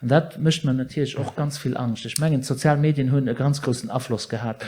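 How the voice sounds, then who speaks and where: A man's voice: medium pitch, steady tone, fast, darkish tone. A man politician in a panel debate, speaking urgently, repeating words and restarting phrases.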